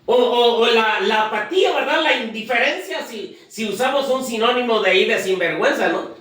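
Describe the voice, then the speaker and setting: A preacher delivering a sermon, asking the congregation questions and counting off points. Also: male voice, very high voice, expressive, fairly quick, fairly bright tone, distant mic. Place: church. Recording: echoey church heard from afar.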